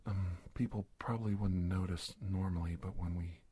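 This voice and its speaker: An ASMR performer plays a cautious, polite government investigator doctor confronting a disguised creature, speaking haltingly and often dropping to a whisper. His low, steady voice has a breathy edge, and the mood is calm and courteous.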